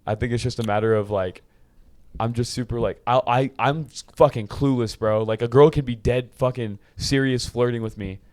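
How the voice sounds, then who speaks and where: A man's voice: mid-range voice, steady tone, normal speed, a little mellow. A twenty-year-old man from California, a podcast guest talking in loose, casual chat full of restarts and filler. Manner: loose, filler-heavy talk with many restarts and "bro".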